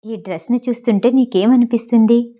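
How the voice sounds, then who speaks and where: A woman voicing an obsessive, menacing young man who speaks low, quiet and cold. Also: steady tone, brisk, close to an everyday voice.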